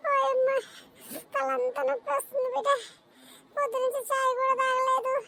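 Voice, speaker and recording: A woman's voice: very high voice, little pitch movement, moderate pace, vocal fry, pushed and bright, slight background noise, full character voice. A woman playing a weepy old mother-in-law. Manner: wailing complaints with sobs. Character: old village mother-in-law, whiny, self-pitying, hungry. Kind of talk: cartoon voice acting.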